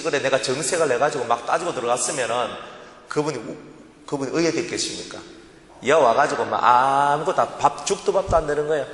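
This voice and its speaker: A middle-aged pastor with a Gyeongsang Korean accent preaches in a lively, chatty storytelling manner, his voice sitting fairly high and swooping up and down. His words ring out with the long reverb of a church hall. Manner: animated storytelling, colloquial and lively. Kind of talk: sermon.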